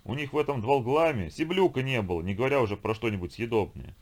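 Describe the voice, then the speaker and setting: A man voicing a brisk, impatient woman crew leader in an audiobook. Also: mid-range voice, lively intonation, pitched above the performer's own voice, natural voice. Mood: firm. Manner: firm, impatient, bossy. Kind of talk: audiobook character voice.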